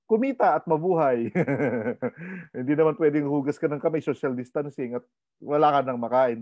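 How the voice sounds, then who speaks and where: Energetic Filipino male seminar presenter, lively delivery, dry and muffled webinar sound. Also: medium pitch, no echo. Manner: animated, asks the audience questions, code-switches. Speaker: online orientation presenter. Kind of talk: energetic business seminar talk.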